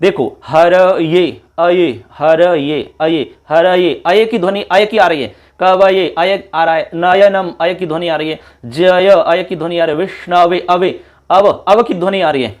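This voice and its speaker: A male teacher with a fairly high voice works through examples at a board. He speaks patiently, stretches out key words and says them twice, and keeps asking the class whether they have understood. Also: fairly even intonation. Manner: patient, repeats each example slowly, checks with the class. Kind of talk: classroom lecture.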